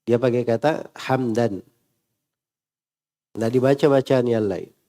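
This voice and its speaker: A man's voice: mid-range voice, slow pace, mellow. A man teaching an Arabic grammar lesson, asking the class questions and drilling word endings. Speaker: Islamic teacher.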